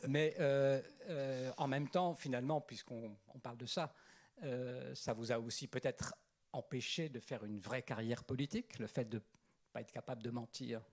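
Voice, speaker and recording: A man's voice: mid-range voice, fairly even intonation, moderate pace. A man conducting a public interview, speaking conversationally as he prompts his guest with questions and sums up his book.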